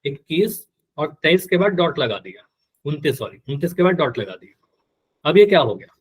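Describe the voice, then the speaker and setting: Male math teacher, slightly higher voice, patient drills, live online class. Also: sing-song, normal speed, slightly rough. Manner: patient, repeats key terms and quizzes students.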